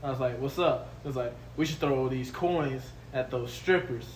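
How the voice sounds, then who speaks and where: A man's voice: mid-range voice, normal speed, roomy sound, slight background noise. A man co-hosting a casual podcast, telling a story animatedly with lots of swearing. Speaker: podcast co-host. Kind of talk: casual chat.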